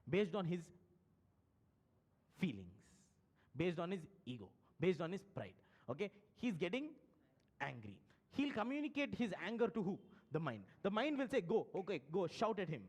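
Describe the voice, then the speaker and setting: A man's voice: high-pitched, big pitch swings, normal speed. A man with a Telugu-tinged Indian English accent preaching a live sermon as pastor, firing questions at the congregation and acting out voices.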